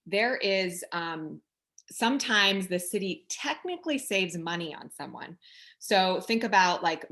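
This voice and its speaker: A woman with a lowish voice presents at a conference over a video call. She talks conversationally, pausing with ums and restarting her sentences as she explains. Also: a bit bright. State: out of breath. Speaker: city council member presenting.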